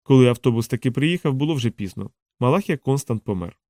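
A man narrating a novel as an audiobook, in a calm, measured way. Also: medium pitch, no room sound, studio quality.

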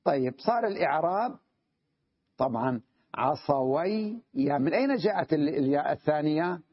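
Husky male grammar teacher, lo-fi. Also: fairly high pitch, animated, no echo. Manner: repeats key phrases slowly, checks understanding with questions. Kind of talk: classroom grammar lesson. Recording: dull lo-fi dry recording.

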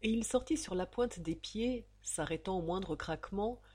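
A woman with a husky voice narrating a nineteenth-century melodrama in an expressive, dramatic reading. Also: mid-range voice, moderate pace. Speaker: audiobook narrator.

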